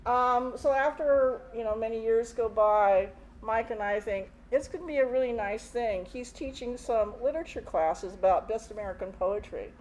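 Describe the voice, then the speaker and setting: An older woman, a poet, giving a reading of her own poems with casual spoken introductions between them, measured and unhurried. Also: a little high, darkish tone, rough recording.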